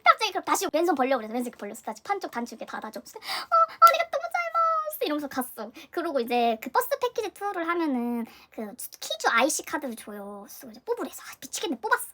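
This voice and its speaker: Rapid, lively Korean woman vlogger. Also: sits high, a little hiss or hum. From South Korea. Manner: animated, dramatic, acts out her own reactions. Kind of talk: casual storytelling concert review.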